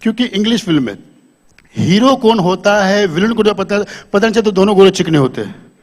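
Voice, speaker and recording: A man's voice: sits high, lively intonation, a little fast. A man doing live stand-up comedy on a stage, talking to the audience into a handheld microphone and quizzing them.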